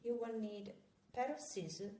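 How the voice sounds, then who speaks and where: A woman from Italy with an Italian accent walks listeners through a crochet tutorial step by step, chatty and playful with little jokes along the way. Her mid-range voice moves at a moderate pace in a reverberant space.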